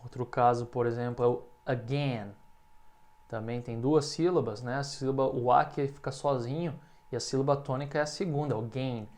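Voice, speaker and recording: Brazilian male English teacher, patient explainer, speaks example sentences slow and clear. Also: medium pitch, steady tone, darkish tone. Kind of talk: language lesson.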